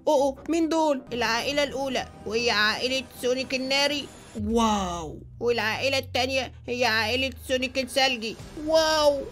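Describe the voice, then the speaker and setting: A young man with an Egyptian accent, excitably hosting and narrating a game movie. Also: very high-pitched, quick pace, few pauses, faint music behind. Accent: Egyptian Arabic. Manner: excitable, exclamatory. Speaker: YouTube gamer host.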